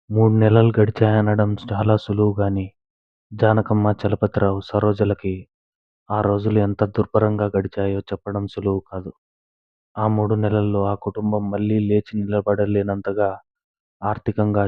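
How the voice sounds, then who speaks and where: A man narrating a moral story in a steady, even storytelling manner, recorded on a tinny, dry line. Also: on the low side, no room sound.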